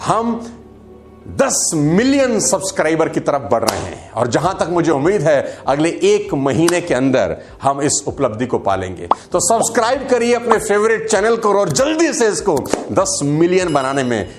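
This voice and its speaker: A man's voice: on the high side, very animated, a little slow, over music. A man giving an emphatic motivational talk who acts out quotes and jokes. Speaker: motivational speaker.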